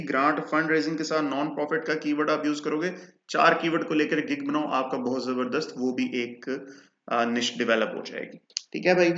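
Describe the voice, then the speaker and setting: A man's voice: a little high, fairly bright tone. A man giving a casual tutorial, chatty, calling listeners brother and slipping into English. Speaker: freelancing tutor and podcast host. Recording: echoey room, dull lo-fi sound.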